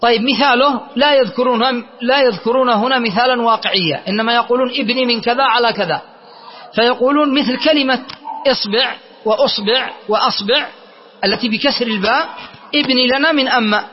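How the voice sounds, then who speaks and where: A man teaching Arabic grammar to a class, often checking that students follow and slowly repeating word forms as drills. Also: very high-pitched. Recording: muffled lo-fi lecture recording.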